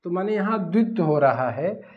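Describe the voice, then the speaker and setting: A man whose voice sits high, expressive and a little fast, gives a Hindi blackboard lecture. He asks questions and answers them on his own, recorded in dull lo-fi quality.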